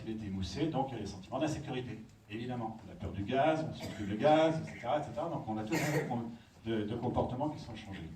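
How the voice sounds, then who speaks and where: A man delivers a lecture, explaining step by step and pausing to check that his listeners follow. His voice sits at an ordinary pitch and comes from a distance in a reverberant conference room, with a faint hiss underneath. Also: darkish tone. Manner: explanatory, checks in with audience often. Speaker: conference speaker. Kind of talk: lecture talk. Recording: echoey hall from far off.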